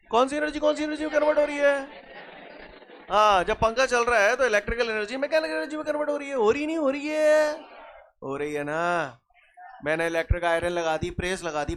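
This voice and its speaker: Lively high-voiced man teaching physics. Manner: lively, quizzes students with rhetorical questions. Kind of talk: classroom lecture.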